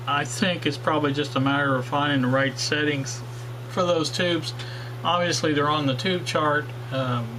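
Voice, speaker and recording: A man with a fairly high voice hosts a casual workshop vlog about old radios, with background noise audible. He rambles along as a radio hobbyist channel host, full of fillers and restarts.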